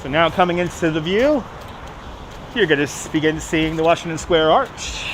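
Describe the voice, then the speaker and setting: A man's voice: a little high, animated, moderate pace, rough recording. A middle-aged man with a Brooklyn accent hosting a casual walking live stream outdoors in the city, chatting and repeating himself. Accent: Brooklyn, New York. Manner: chatty, reading and answering viewers aloud, repeats himself. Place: outdoors on busy Manhattan streets. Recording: street noise, outdoor city ambience.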